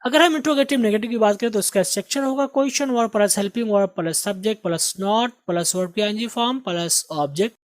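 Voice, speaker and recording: A man teaching English as a host of an online lesson, with an Indian Urdu accent, drilling vocabulary by repeating each word slowly. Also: sits high, no room sound. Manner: drills words with slow repeated pronunciation. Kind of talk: recorded lesson.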